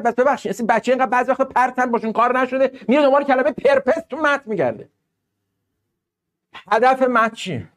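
A man teaching an online exam-prep English class, speaking animatedly to his students and the live chat. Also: high voice.

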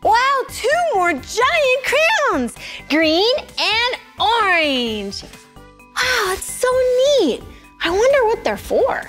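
A woman's voice: very high-pitched, big pitch swings, drawn-out words, a bit bright, faint music behind, full character voice. A woman playing a bubbly, curious young explorer on a kids' show, gasping and giggling with wide-eyed wonder. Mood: excited. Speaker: children's show presenter. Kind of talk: kids' TV presenting.

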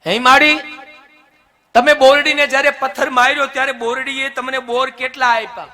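A man's voice: extremely high pitch, flat delivery, moderate pace, sharp tone, voice pushed up. A man doing a compassionate, proclaiming king. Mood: earnest, proclaiming. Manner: proclaiming, earnest questioning. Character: just, compassionate old-time king.

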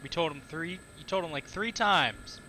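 Joking man with a bright voice. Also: fairly high pitch, animated, normal speed, slight background noise, poor audio. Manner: joking, teasing. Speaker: squadmate. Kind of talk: casual gaming chat over voice comms.

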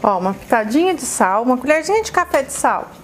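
This cooking show host, a woman with a Brazilian Portuguese accent, talks fast in a high, sing-song voice over background noise. Chatty and effusive, she exclaims her way through a kitchen demonstration while fondly addressing her audience.

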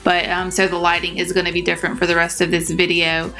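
Young woman, vlogger voice-over: relaxed, chatty, lower and bright, fairly flat pitch. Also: fast. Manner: chatty, relaxed, with frequent ums. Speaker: cleaning vlogger. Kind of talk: casual voice-over narration. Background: soft pop music.

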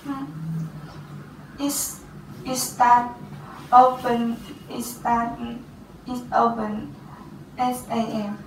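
A teenage girl with a Vietnamese accent taking an English speaking test, halting and hesitant with restarts. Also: on the high side, steady tone, slight background noise. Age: teens. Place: small classroom office, indoors. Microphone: far camera. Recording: roomy, distant camera sound.

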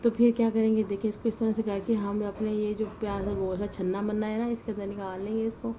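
A woman narrates her home cooking in an easy, chatty way, scattering devotional exclamations through her talk. She sounds tired and weary from fasting. The voice-over carries a clearly audible noise floor. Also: medium pitch, little pitch movement, dark tone, low-quality recording. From Punjab, Pakistan. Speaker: cooking channel host. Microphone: voice-over mic, not in the pictured kitchen.

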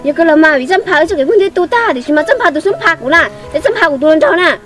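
A woman acting in an amateur drama, talking in a rapid, chattering way. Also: very high-pitched, expressive, over loud music.

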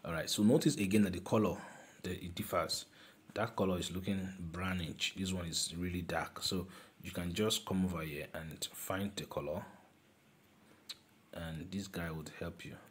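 A design tutor with a low, steady voice walks viewers through a phone design app at normal speed in a screen-recorded tutorial. He's instructive, repeats steps, and refers to objects as "this guy."

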